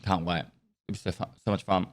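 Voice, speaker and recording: Speaking at a moderate pace with a low-pitched voice, a man with a stuffy nose from a cold casually rambles on his live stream, thanking subscribers in a relaxed manner.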